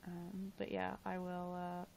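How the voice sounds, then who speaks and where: A woman's voice: on the low side, completely flat delivery, measured pace, vocal fry, a little mellow, slight background noise, low-quality recording. A young woman casually chatting on her livestream, reading chat aloud and filling her talk with "like" and "um", her voice tired. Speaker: livestream host.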